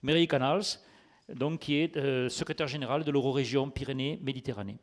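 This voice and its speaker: Male debate moderator, average pitch, semi-improvised oratory, rhetorical questions, some word repetition while searching. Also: fairly even intonation, quick pace.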